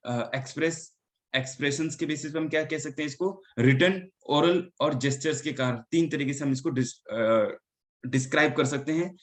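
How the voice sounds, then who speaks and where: A man's voice: fairly high pitch, normal speed. A male teacher giving an online class lecture, mixing Hindi and English and often checking in with the students. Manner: mixes Hindi and English, keeps asking "ठीक है?". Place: indoor room.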